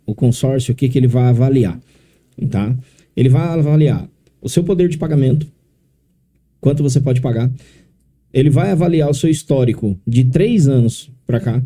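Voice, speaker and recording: A middle-aged man with a São Paulo accent explains things to an interviewer, taking them step by step and often adding tag questions. His voice is deep and dark, and its pitch sits in the middle. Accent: São Paulo Portuguese. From São Paulo, Brazil. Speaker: consórcio specialist guest.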